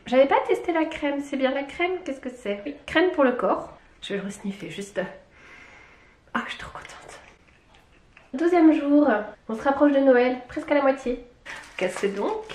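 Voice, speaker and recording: Excitable woman gushing over an unboxing. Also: a little high. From Lyon, France. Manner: excitable, gushing, with little squeals and exclamations. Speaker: beauty vlogger. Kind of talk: casual unboxing chat. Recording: echoey room.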